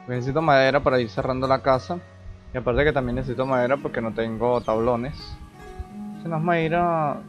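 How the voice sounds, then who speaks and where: Man rambling over game music. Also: medium pitch. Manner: rambling, thinks aloud while playing. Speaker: gaming channel host. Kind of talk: casual gameplay commentary. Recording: game music playing behind the voice.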